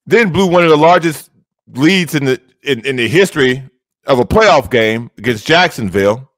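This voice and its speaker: A man's voice: mid-range voice, lively intonation, normal speed, fairly bright tone, no room sound. A man co-hosting a sports talk show, arguing emphatically and repeating his points, heard through an overloaded, distorting laptop microphone. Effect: distorted, overloaded laptop mic. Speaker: sports radio co-host. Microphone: laptop microphone, too close.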